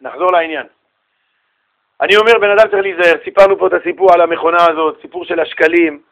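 Lively high-voiced man teaching a class. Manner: animated storytelling, acts out little dialogues. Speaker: rabbi giving a Torah class.

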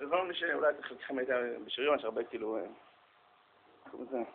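A man giving a humorous storytelling talk, animated and jokey, speaking straight to his listeners. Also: medium pitch, a little hiss or hum. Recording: tinny phone-like sound.

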